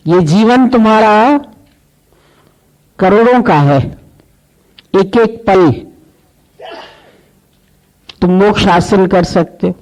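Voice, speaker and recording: A man giving a satsang sermon, telling a parable in a measured way and listing things one by one. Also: sits high, a little mellow, poor audio. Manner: measured, repetitive, lists in a slow rhythm. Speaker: spiritual preacher.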